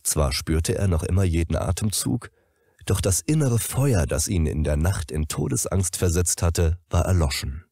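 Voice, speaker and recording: A man reading a story aloud in an expressive storytelling manner. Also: sits low, normal speed, no room sound, clean studio sound. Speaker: narrator.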